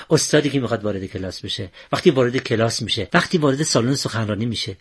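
A man's voice: medium pitch, a bit bright, husky. A man hosting a morning radio show, earnestly telling a motivational parable. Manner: earnest, preachy. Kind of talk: motivational storytelling.

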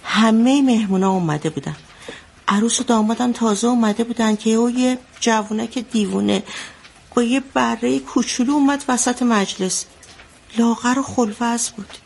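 A woman's voice: a little high, gravelly, breathy edge. An actress playing an anxious mother who recounts a bloody wedding in a radio drama, telling it vividly. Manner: vivid storytelling, shouting out the quotes she retells.

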